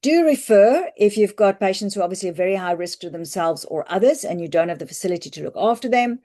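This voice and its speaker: Hoarse woman doctor teaching online. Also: medium pitch, lively intonation, quick pace, mellow. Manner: practical, reassuring, loose and conversational with many "um"s. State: hoarse, croaky voice with coughing. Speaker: family physician presenting a webinar. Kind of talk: online medical teaching talk. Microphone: computer mic on a video call.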